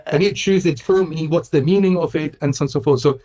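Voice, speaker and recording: A man's voice: on the high side, fast, warm tone. Swiss-raised man in his thirties, interview guest, thoughtful and chatty with easy laughs. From Switzerland. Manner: thoughtful, with frequent restarts and laughs. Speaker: guest, Islamic school director. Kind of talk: casual conversational interview.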